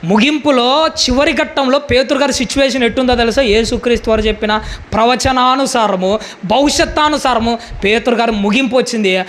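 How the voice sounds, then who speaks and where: A man's voice: extremely high pitch, fairly quick, fairly bright tone. A male pastor preaching a sermon with emphatic rhetorical questions.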